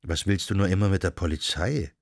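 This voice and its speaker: A man's voice: low-pitched, fairly quick, creaky, no room sound, studio quality. A man voicing an earnest, lovesick young man in an audiobook, speaking urgently and pressing for answers.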